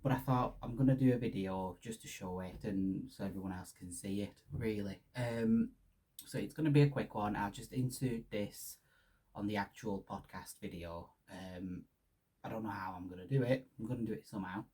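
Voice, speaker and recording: A young man with a Hungarian accent tinged with Lancashire English chats casually on his solo podcast, rambling, restarting often, filling gaps with ums and laughing shyly. His lowish voice is mellow and warm with a soft husky edge, at a moderate pace.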